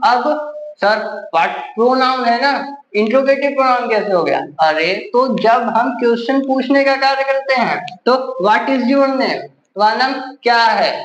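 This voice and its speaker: A man's voice: extremely high pitch, fairly bright tone, echoey room, low-quality recording. A male teacher giving a grammar lesson with a Hindi accent, constantly asking the class rhetorical questions and answering them himself.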